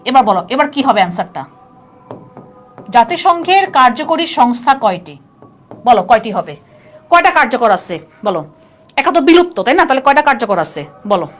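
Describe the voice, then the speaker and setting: A woman teaching a live online class, chatty and constantly quizzing her students. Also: high voice. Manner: chatty, keeps asking students questions.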